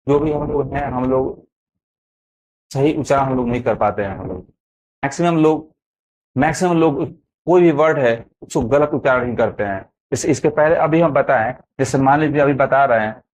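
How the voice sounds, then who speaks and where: A man's voice: medium pitch, a little mellow. A man teaching English pronunciation in a video lesson, repeating words and often checking whether students understand. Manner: repetitive, keeps asking if students understand.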